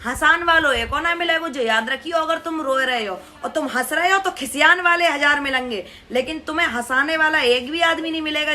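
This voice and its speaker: A young woman with a rural western Uttar Pradesh accent, from Badaun, answers her viewers' comments in a casual vlog. Her voice sits high and sounds bright and sharp. She scolds and mocks her commenters bluntly, with plenty of sarcasm. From Badaun, Uttar Pradesh, India. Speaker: vlogger reading viewer comments.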